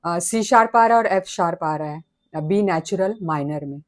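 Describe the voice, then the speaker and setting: A woman giving a relaxed spoken piano lesson, patiently counting tones and semitones and singing note names as she plays. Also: on the low side. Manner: slow and patient, counting notes aloud. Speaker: piano teacher.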